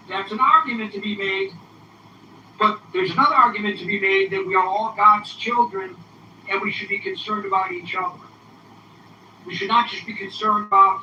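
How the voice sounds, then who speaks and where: A man's voice: high voice, pushed and bright, dull audio. A man hosting a political call-in show, speaking with impassioned, repetitive conviction. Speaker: podcast host. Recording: roomy, distant, faint hiss.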